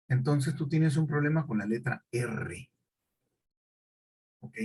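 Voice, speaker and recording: A man teaching a class, explaining slowly and deliberately and checking often that his students follow. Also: a little high, darkish tone, husky, rough recording. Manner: questioning, repetitive explanations with check-ins. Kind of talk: classroom lecture.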